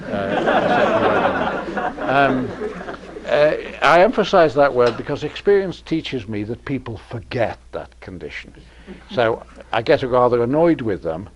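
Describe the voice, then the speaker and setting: A man giving an informal university math lecture, pausing often with ums and uhs and adding dry humor. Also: medium pitch. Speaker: mathematics professor lecturing. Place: lecture room with audience.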